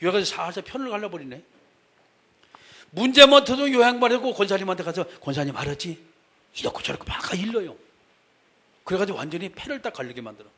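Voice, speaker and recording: A man's voice: high-pitched, big pitch swings, fast, pauses often, bright, forceful tone. A male pastor preaching a sermon in a conversational way, speaking straight to the congregation and repeating his key phrases for emphasis.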